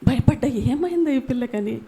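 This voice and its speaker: A woman preaching a sermon, swinging between loud, high emphasis and soft, slow scripture reading, and telling a family story with acted dialogue. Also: lively intonation.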